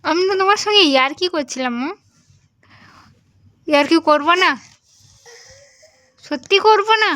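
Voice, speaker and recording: A young mother with a West Bengal Bengali accent talks to her child at home in a casual vlog. Her voice sits high and sounds bright and clear. She coaxes and cajoles, dropping into soft baby talk. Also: animated, normal speed, long pauses, dry recording.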